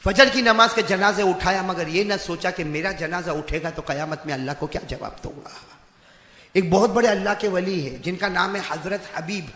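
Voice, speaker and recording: A man preaching a fiery sermon to a congregation. He swings between soft asides and shouted exhortation, and quizzes his listeners. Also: sits high, slight background noise. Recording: echoey hall with long reverb.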